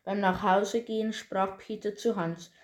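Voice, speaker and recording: A woman reading a fairy tale aloud in a plain, steady way, with occasional small slips. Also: mid-range voice, normal speed. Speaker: storyteller.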